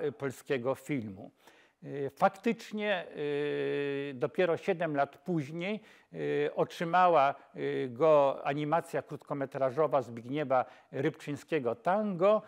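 An older man, a film expert, giving a lecture on a film in a measured way, often pausing and correcting himself, recorded with a lapel mic in a dark studio. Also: a little high. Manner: measured, with frequent hesitations and self-corrections. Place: dark studio, seated on camera.

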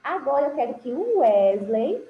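A woman's voice: high-pitched, very animated, moderate pace. A woman with a Brazilian Portuguese accent teaching English numbers to children in an online class, encouraging them with pet names. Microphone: video call. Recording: roomy, dull video-call audio with faint hiss.

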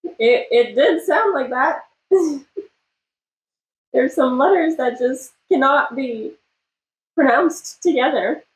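Giggly, slow-talking woman trying not to laugh. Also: high voice, lively intonation, echoey room, poor audio. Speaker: reaction video host. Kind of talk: casual reaction commentary. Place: living room, indoors.

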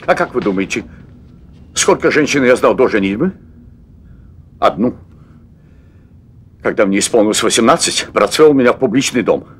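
This man, an actor in his fifties, plays a jittery restaurant owner of middle age who craves adventure, giving a long confession with hesitations and repeated words. It is a stage play recorded for TV, set in a theatre done up as a hotel room. His medium-pitched voice has lively intonation, a moderate pace, frequent pauses and a breathy edge.

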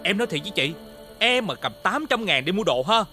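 A man's voice: high voice, very animated, a little fast, bright, forceful tone, heavily acted. A young man with a Southern Vietnamese accent, acting a breezy, self-assured penny-pincher in a TV comedy series. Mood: smug. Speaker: stingy younger brother Long. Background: music.

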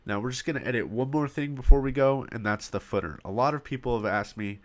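A mid-range male voice, one he is losing, guides viewers step by step through building a website in a relaxed screen-recorded software tutorial. The web design host pauses a lot and coughs now and then into a desktop mic that pops.

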